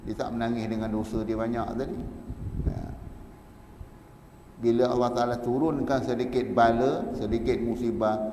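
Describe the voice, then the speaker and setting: A man's voice: medium pitch, fairly even intonation, moderate pace, pauses often, warm tone. A man with a Malaysian Malay accent giving a dawn lecture in a mosque, pleading and fervent when leading prayers. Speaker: preacher. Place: large mosque hall. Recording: echoey mosque hall recording with background noise.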